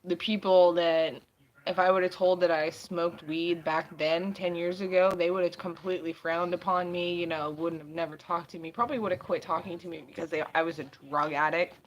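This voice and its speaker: A woman's voice: fairly low pitch, fairly even intonation, fairly quick, highs cut off, slight background noise. A woman vlogging in casual chat, with a laid-back, slangy, sweary stoner way of talking.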